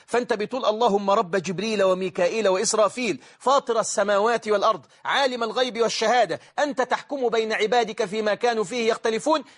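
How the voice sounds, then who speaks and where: A man with an Egyptian accent preaches in a high, quick voice. He recites formal prayers fervently, then drops into casual colloquial asides to his listeners. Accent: Egyptian Arabic. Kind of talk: televised religious lesson.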